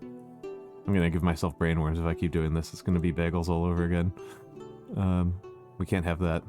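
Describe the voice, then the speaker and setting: A man with a Northeastern American accent chatting as a livestream host in a smooth, measured public-speaker or teacher voice, often halting and repeating his phrases. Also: sits low, flat delivery, dark tone. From Northeastern United States. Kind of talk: casual livestream chat. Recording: music behind the voice. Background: music.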